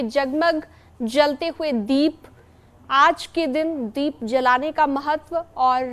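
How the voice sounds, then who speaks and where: A woman's voice: high-pitched, a bit bright. A woman anchoring live television news, describing pictures fluently and handing over to reporters.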